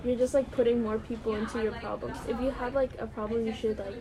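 A teenage girl talks earnestly on a student podcast in a flat, even tone, with a voice a bit high for a girl. Clear chatter from a crowd sits behind her voice. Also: quick pace, rough recording. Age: teens. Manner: earnest, advice-giving, filler-heavy. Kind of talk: casual chat.

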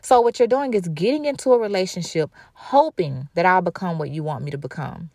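A woman's voice: fairly low pitch, lively intonation, a little fast, a little mellow, dry recording, clean studio sound. Emphatic woman in her thirties. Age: 30s. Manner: candid and emphatic, repeats phrases for stress. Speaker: show host. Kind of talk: casual monologue.

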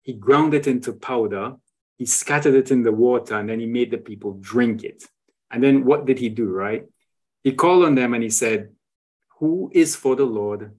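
A man's voice: medium pitch, moderate pace, darkish tone. A man, the guest on a talk show, explains what he found on his travels, often ending points with a tag question and restarting his phrases. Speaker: guest sharing travel photos. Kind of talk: conversational explanation.

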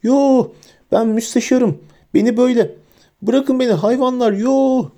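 Guy putting on a squeaky stuck-up official lady, shrill, bossy, kinda scared. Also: steady tone, quick pace, mellow, natural voice. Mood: terrified. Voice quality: shrill, high-pitched. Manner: haughty, frightened and bossy. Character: shrill pompous middle-aged woman official.

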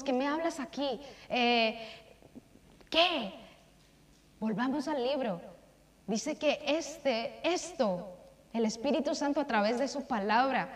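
A young woman preaches the front of a church, hammering her points home by repeating them. Her voice sits high and rings out with a long reverb through the hall. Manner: emphatic, repeats phrases for stress. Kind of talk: sermon.

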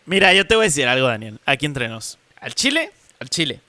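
A man's voice: mid-range voice, animated, fast talker, sharp tone, dry recording. A drunk man with a Mexican accent, chatting loosely and rambling as a podcast co-host over a remote call. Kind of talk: casual chat.

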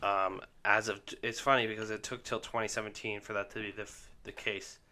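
A man co-hosting a laid-back podcast, talking in a bright, slightly low voice. He rambles and halts, circling back with fillers and restarts as he works through his thoughts. It is an easy, unscripted chat. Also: flat delivery, a little fast. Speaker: podcast co-host. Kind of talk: casual chat. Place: indoor basement room.

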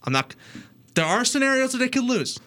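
A man's voice: very high-pitched, sing-song, fairly quick, pushed and bright. A man hosting a sports podcast, moving the talk from game to game and teasing his co-hosts. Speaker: podcast host.

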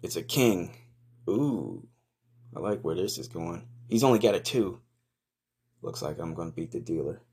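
A man's voice: low-pitched, very animated, moderate pace, pauses often, a little mellow, husky. A man giving casual, improvised first-person commentary in a crude, profane, slangy way, blunt and mocking as he goes.

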